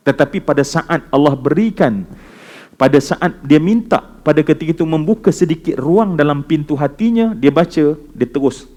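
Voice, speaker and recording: Malaysian preacher with a mellow voice. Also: male voice, on the high side. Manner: storytelling, swings between loud exclamations and hushed recitation. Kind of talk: mosque lecture. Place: mosque.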